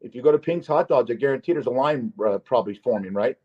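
A man's voice: medium pitch, lively intonation, fast, husky. A man hosting a podcast, chatting casually and telling stories in a rambling, emphatic way with many restarts. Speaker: podcast host. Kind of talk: casual chat. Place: Las Vegas. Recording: dull lo-fi audio.

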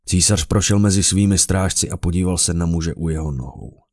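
A man's voice: no echo, clean studio sound. A man narrating a fantasy audiobook, voicing the characters himself. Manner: shifts into loud high shouting for characters.

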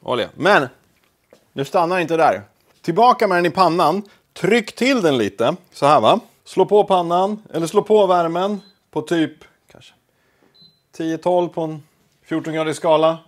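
A man's voice: fairly high pitch, animated. A man hosting a casual home cooking video, talking to the camera while he cooks, with offhand, self-deprecating asides. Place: home kitchen.

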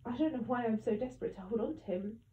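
A woman voicing an anxious, heartbroken mother who pleads in a high, emotional voice. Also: fast talker, mellow, close to an everyday voice. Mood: distressed. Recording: echoey tinny phone-like sound.

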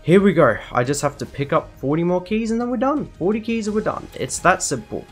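A man narrating his own gameplay as it happens, in a voice sitting a little higher than most men's. He talks in a frantic, anxious rush and keeps repeating the same words. A faint bed of music plays behind him. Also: sing-song, brisk. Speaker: gaming video creator. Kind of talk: live gameplay commentary.

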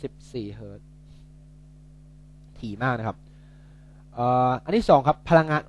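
A man's voice: medium pitch, animated, normal speed. A young man tutoring physics in a casual, chatty way, joking and correcting himself as he works through problems.

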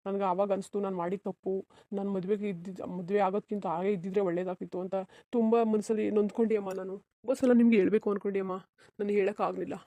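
Woman as a sad, giving young husband in a cartoon, quick and mellow, dry close sound, pleading softly. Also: mid-range voice, fairly even intonation, no room sound, close to an everyday voice. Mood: sorrowful. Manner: soft, resigned, pleading. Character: sad, self-sacrificing young married man. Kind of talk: cartoon voice acting.

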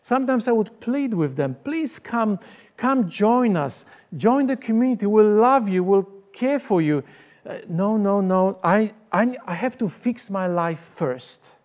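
A middle-aged pastor and teacher from Poland preaches with a Polish accent in a high-pitched, darkish voice, his intonation lively and his pace measured. Miked with a lapel mic on a church stage with a curtain backdrop, he tells his story earnestly, gesturing with both hands.

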